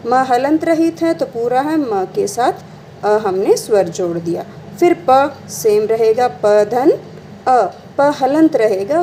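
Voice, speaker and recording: Patient female teacher, mellow and fairly high. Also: slight background noise, rough recording. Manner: patient, calls students beta, asks and answers her own questions. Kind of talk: classroom lesson explaining exercises.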